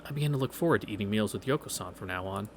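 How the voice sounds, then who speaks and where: Speaking very fast and animatedly in a voice on the low side, a man runs through a visual novel as a laid-back let's player. Slight background noise and video game music accompany his wry asides, reactions, and anecdotes.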